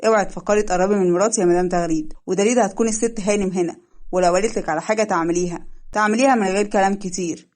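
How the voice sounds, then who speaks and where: A commanding young husband in a wheelchair who lays down the law in his house and shields his wife from anyone who threatens her. A woman reading an Egyptian storybook acts him out, rattling through his lines at a very fast clip with a firm, stern Egyptian delivery. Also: medium pitch, fairly even intonation, a little mellow, natural voice.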